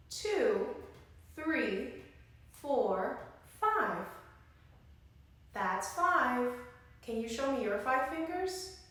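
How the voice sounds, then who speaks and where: An early-grade teacher leads circle time, her high-pitched, fairly bright voice encouraging and instructing the children while prompting them with questions and pauses. She's recorded indoors from a distant microphone in a room with very strong echo.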